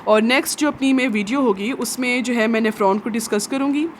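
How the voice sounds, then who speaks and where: Woman teaching biology, kinda high voice, keeps asking then answering, faint traffic behind. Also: a little fast. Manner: patient and repetitive, asks a question then answers it, often adds "theek hai". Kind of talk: explaining labelled diagrams in a lesson.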